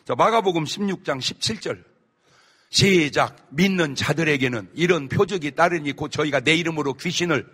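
Bright, husky male pastor preaching with lively shouts, long church hall reverb. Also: fairly high pitch, normal speed. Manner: animated, shouting, rhetorical questions to the congregation. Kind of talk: sermon.

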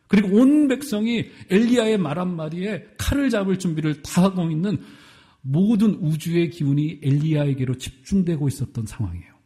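A middle-aged male pastor preaching a sermon, asking the congregation questions and swinging between loud and soft. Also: on the high side.

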